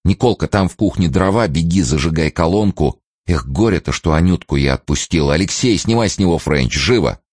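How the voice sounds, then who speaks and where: A man voicing an anxious young woman giving quick orders to the household. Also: low voice, lively intonation, darkish tone, no echo, clean studio sound. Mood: flustered. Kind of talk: audiobook character voice.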